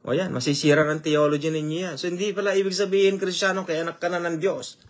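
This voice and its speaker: A man's voice: a little high, steady tone, fast talker. A man preaching a sermon, firing rhetorical questions at his listeners and mixing English phrases into his talk. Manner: greets viewers by name mid-sermon.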